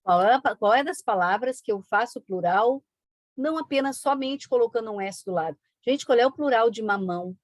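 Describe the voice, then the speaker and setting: Brisk woman teacher, dry close sound. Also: on the high side, lively intonation, dry recording. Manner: brisk and coaxing, with frequent tag questions. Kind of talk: online exam-prep lesson. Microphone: video call.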